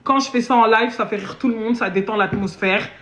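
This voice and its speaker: A woman live streaming a comedic chat, boasting and switching into deliberately broken English. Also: a little high, a bit bright. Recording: dull echoey room audio.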